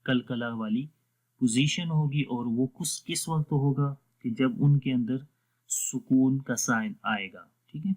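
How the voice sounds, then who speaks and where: A man gives an online lesson on Quran recitation rules. His voice sits at an ordinary middle pitch. He explains patiently and step by step, slowing right down to model each recited word. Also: a little mellow, low-quality recording.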